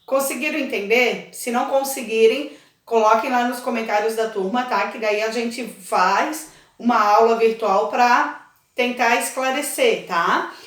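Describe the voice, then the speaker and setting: A woman's voice: a little high, unhurried, a bit bright. A woman teacher, patiently explaining a lesson step by step and checking that her students follow. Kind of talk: recorded online class lesson. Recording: very echoey room, voice from far off.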